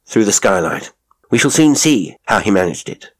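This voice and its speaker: A man voicing a sharp, commanding male detective in an audiobook, with a brisk, authoritative manner. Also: fairly low pitch, big pitch swings. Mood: keen. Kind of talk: audiobook character acting.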